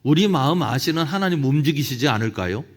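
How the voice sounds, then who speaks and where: Lively-voiced man preaching a seminar talk. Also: a little high, fast. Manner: storytelling, with quoted prayers acted out. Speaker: pastor. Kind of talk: lecture-style sermon at a church officers' seminar.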